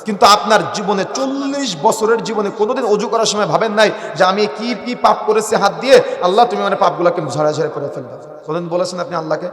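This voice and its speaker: A man with a Bangladeshi Bengali accent preaching an Islamic sermon, impassioned and rising to shouts, then dropping to soft pleading. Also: high-pitched, quick pace, hardly any pauses. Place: large hall or event tent. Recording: echoey hall reverb.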